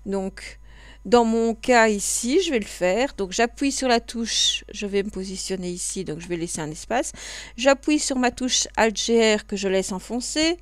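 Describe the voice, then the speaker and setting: A woman's voice: fairly high pitch, normal speed, dry recording. Patient Belgian French woman teaching. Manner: patient step-by-step explaining, with frequent fillers. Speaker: computer class instructor. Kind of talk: screen-recorded tutorial.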